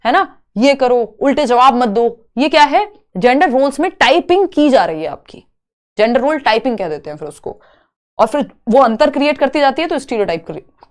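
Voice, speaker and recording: A young woman teaching an exam-prep lecture. She reads each English question slowly, then explains it step by step, asking and answering her own questions. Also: sits high.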